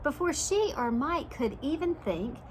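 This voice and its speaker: This preschool teacher has a high voice with big pitch swings, and she takes her time. She reads a picture book dramatically and pauses to explain it in simple terms for young children, over a faint hiss or hum.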